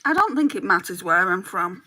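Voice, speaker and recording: A beauty streamer from Lancashire, England, chats casually with viewers in a Lancashire accent while doing her makeup and answering their comments. Her mid-range voice is sing-song, brisk, and sharp with a breathy edge.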